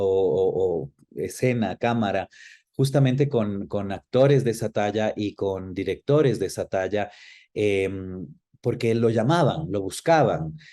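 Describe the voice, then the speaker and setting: Low-pitched and dark in tone, this interview guest is an Ecuadorian-accented man about forty years old. He responds thoughtfully and explains at length, frequently hunting for the right word.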